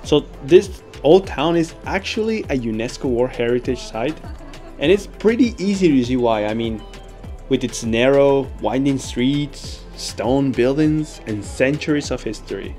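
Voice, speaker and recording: A man's voice: mid-range voice, expressive, a little slow, darkish tone. A young man narrating his sailing trip for a travel vlog in an easygoing, upbeat way. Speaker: travel vlogger. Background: background music.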